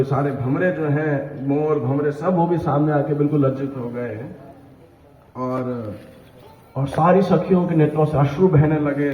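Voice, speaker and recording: Man telling temple stories in an echoey hall. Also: mid-range voice. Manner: narrates devotional stories with quoted dialogue, frequent "है ना?". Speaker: pilgrimage guide. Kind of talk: storytelling lecture. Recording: echoey hall over a tinny phone-like line.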